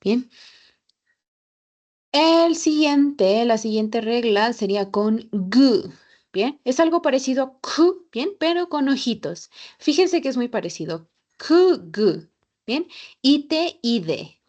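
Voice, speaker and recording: A woman teaching a Japanese class, patient and repeating each example slowly. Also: on the high side, lively intonation, darkish tone, muffled recording. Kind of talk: online class lesson.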